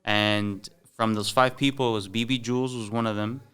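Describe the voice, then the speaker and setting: Guesting on a podcast, this young man from Miami talks in Miami Cuban-American English, dropping Spanish words and plenty of "like" and "bro" into loose, slangy casual chat. He speaks at a moderate pace in a smooth, fairly low, slightly bright voice with fairly even intonation.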